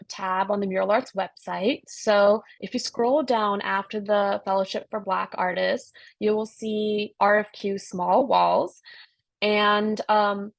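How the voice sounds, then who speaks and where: A woman's voice: medium pitch, dry recording. A woman, a project manager, presenting a program over a video call in an easygoing way with many fillers.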